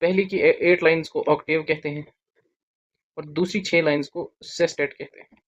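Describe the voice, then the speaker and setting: Teacher giving a slow, deliberate literature lesson. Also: medium pitch, fairly even intonation, muffled recording. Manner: slow, deliberate, spells out terms word by word.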